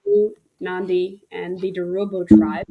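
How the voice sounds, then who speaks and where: A woman from Kenya, a relationship coach, telling a personal story in conversation with many pauses and ums. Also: lowish voice, sing-song, gravelly, narrow, tinny audio. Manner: thoughtful, with frequent ums and restarts.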